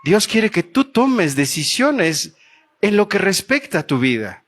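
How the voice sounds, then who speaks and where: High-voiced earnest Mexican preacher. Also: male voice, big pitch swings, measured pace. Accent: Mexican Spanish. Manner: earnest, asks the congregation questions. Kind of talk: sermon with a told story. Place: church.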